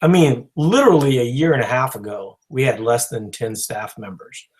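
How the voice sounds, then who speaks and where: A company founder speaks at normal speed in a mid-range voice, making a casual announcement to his followers. He rambles, full of "you know" and restarts, and the recording quality is low.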